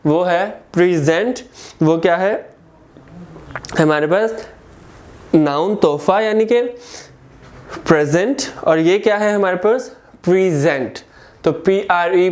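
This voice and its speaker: A man's voice: high voice, darkish tone. A man with a Pakistani Urdu accent teaching a school grammar lesson, dictating sentences word by word.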